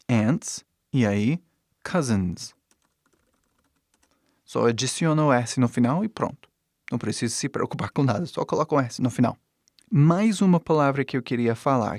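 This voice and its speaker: A man in his forties teaches an online language lesson, his first language being English. He explains patiently, repeats key words slowly and keeps checking in with quick tag questions. His voice sits at an ordinary middle pitch, recorded close and dry with no room sound. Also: darkish tone, no room sound.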